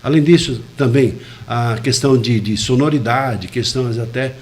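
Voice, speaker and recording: A man, a communication expert, explaining in a web radio interview, shifting his volume and pitch to illustrate his points and enunciating each syllable with care. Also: darkish tone. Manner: deliberate, careful enunciation.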